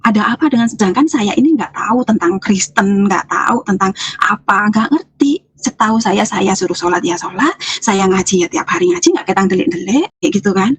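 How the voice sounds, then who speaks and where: Interview guest, woman from Lampung: breathy tone, emotional first-person testimony with many restarts. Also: mid-range voice, animated, brisk. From Lampung, Indonesia. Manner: hesitant, restarts and repeats phrases often; earnest, emotional storytelling. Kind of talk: personal testimony, casual speech.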